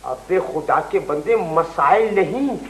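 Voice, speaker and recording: An actor playing a flustered, fawning office clerk, in a roomy old TV studio recording. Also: male voice, on the high side, animated, slow, a little hiss or hum. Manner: obsequious, rattled, endless "ji huzoor". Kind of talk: 1980s TV comedy acting.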